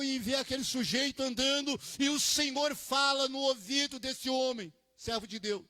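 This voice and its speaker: A male pastor, preaching a sermon and telling a story in an animated way, moving from quiet asides to loud, emphatic peaks. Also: high-pitched, no room sound. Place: church.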